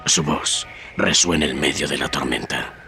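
A man's voice: rumbling low, steady tone, normal speed, a crowd in the background. A man narrating an adventure radio serial as a grave, suspenseful storyteller.

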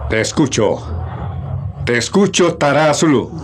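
Man playing low-voiced noble radio hero. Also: lively intonation, moderate pace, slight background noise, natural voice. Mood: defiant. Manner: solemn, formal, theatrical. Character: noble, grave adult male hero, calm and defiant. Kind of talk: old radio serial acting.

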